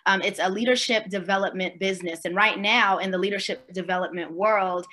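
Woman from swaziland doing a keynote over a video call at home, bright voice, chatty and casual, lots of ums. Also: mid-range voice, fairly even intonation, a little fast. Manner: conversational, with fillers and friendly check-ins. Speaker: keynote speaker. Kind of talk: virtual keynote talk. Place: home room, indoors.

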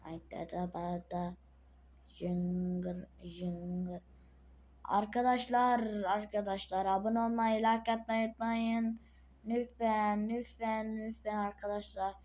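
A woman with a sore throat giving casual gameplay commentary to her viewers, muttering to herself and then breaking into sudden shouts. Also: medium pitch, slow pace, highs cut off. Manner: excitable, swings between muttering and sudden shouting. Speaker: gaming channel host.

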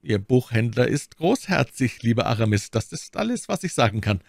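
A man voicing a spirited young swordsman who teases friends, animated, dry close sound. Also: mid-range voice, normal speed, gravelly, no room sound, voice pushed up. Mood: bantering. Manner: bold, bantering. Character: eager young hot-blooded male musketeer.

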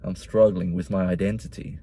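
A man's voice: deep voice, steady tone, a little fast, mellow, a little hiss or hum. A young man with a mixed Vietnamese-Australian accent, rambling and soul-searching in a casual personal vlog monologue, often repeating himself. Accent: Vietnamese-Australian mix. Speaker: vlogger.

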